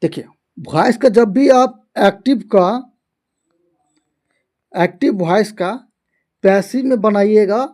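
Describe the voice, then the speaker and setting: A man gives an online grammar lesson at an unhurried, deliberate pace. He circles back over every point, repeating key terms. He reads his example sentences out slowly, word by word. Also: sits high, a little mellow. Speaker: English grammar teacher.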